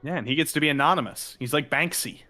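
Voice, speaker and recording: A man's voice: fairly high pitch, fast talker, pushed and bright, faint music behind. A man giving live color commentary and analysis at a sim racing event, with eager, jokey asides.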